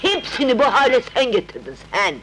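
An actress playing a spiteful, nagging aunt who scolds sharply, in a 1970s dubbed film. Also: female voice, a little high, big pitch swings, brisk, music in the background, rough recording. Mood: scolding.

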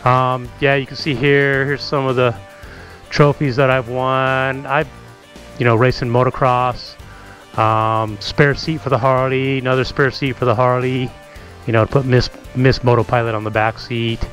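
Man, middle-aged, casual garage tour, relaxed chatty voice, average pitch, helmet camera mic. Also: normal speed, faint music behind. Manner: relaxed, chatty, many ums and asides. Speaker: motovlogger. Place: garage at home, indoors.

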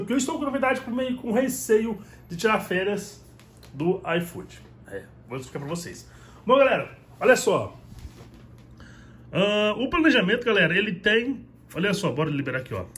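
This high-pitched, reverberant voice belongs to a Brazilian delivery rider vlogger chatting to his phone camera at arm's length in a small room at home. He gestures animatedly, talks in slang, and often says "mano".

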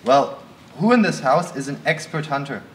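A man's voice: a little high, expressive, moderate pace, a little hiss or hum, close to an everyday voice. A man playing a sullen, mocking fourteen-year-old boy in an amateur stage play. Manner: mocking, insolent. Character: sullen, sarcastic teenage boy.

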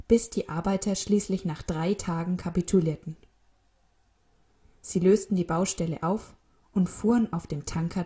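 A woman narrating a short children's story in a calm, even reading manner. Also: on the low side.

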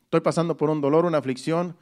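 A male preacher giving a Sunday sermon in a somewhat high voice. He works slowly through the scripture, restating each verse in everyday words. He circles back often, repeating his phrases for emphasis. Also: steady tone, darkish tone. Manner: deliberate, explanatory preaching.

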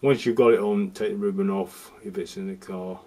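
A man's voice: low voice, fairly even intonation, brisk, a little mellow. A man giving a rambling, casual walkthrough of a boiler repair, often restarting his sentences and adding jokey asides. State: cold. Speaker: DIY video host.

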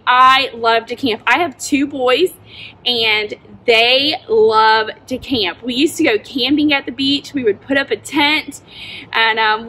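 A woman in her forties teaching a children's Bible lesson outdoors, talking straight to the kids in an animated, expressive way, recorded by a camera a few feet away. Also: on the high side, a little hiss or hum, low-quality recording. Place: outdoors in a backyard by a tent.

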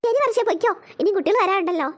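A woman's voice: very high voice, racing, noisy background. A woman voicing a cheerful female preschool teacher in a cartoon, coaxing crying children in a sing-song Malayali way. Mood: soothing. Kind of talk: cartoon voice acting.

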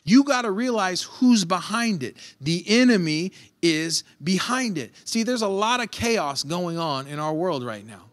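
A man's voice: sits high, expressive, a little slow, few pauses. A male pastor preaching a conversational sermon, retelling a Bible story and acting out its voices.

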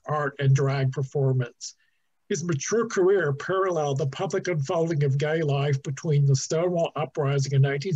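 A middle-aged man from New Jersey, a museum docent giving a relaxed, chatty guided talk over a video call, with fillers and restarts. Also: on the high side, breathy edge. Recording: dull lo-fi video call audio.

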